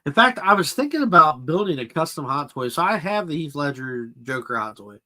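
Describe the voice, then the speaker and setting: Bright-voiced man chatting casually. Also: fairly high pitch, sing-song. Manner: casual, answers viewer chat aloud, drawn-out fillers. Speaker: toy collector channel host. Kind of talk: casual live-stream chat.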